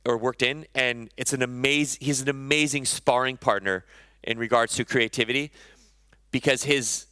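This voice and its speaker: A man in his thirties with a medium-pitched, fairly bright voice gives a conversational conference talk on stage as a chef. Enthusiastic about food, he often corrects himself mid-sentence. The sound has no echo.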